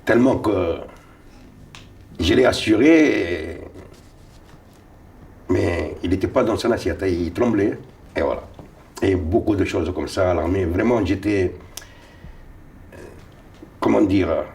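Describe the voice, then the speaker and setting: An older Tunisian man whose first language is Sicilian reminisces as an interviewee about his navy days, rambling, often repeating and restarting words. His low-pitched voice is slow, creaky and a little mellow, with long pauses. He sits a little far from the mic, and there is slight background noise.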